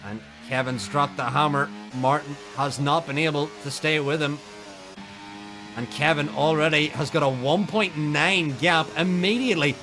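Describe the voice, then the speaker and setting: A man giving live motorsport commentary on an online racing league in an excitable manner. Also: a little high, moderate pace, over music. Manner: excitable, builds to shouting during incidents.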